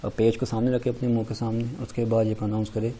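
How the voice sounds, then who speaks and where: A man teaching a language lesson over slides, explaining in a steady tone and often repeating himself. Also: on the low side, fast, slight background noise, low-quality recording. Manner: steady explaining tone, repeats points, frequent "theek hai". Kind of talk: slide lecture in Urdu.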